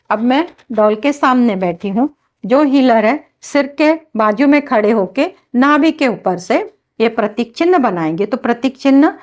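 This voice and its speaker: A woman demonstrating and explaining a healing ritual step by step, in a slow, instructive manner. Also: fairly high pitch. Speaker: healing teacher.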